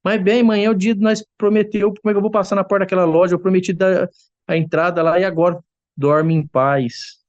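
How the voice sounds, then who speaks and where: A flustered wife scolds in a pitched-up, excited voice, as a man telling a church testimony puts her on. Her pleading lines come out quickly, and the sound stays close and dry. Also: no room sound, muffled recording, exaggerated voice. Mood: exasperated. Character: flustered, scolding wife, middle-aged woman.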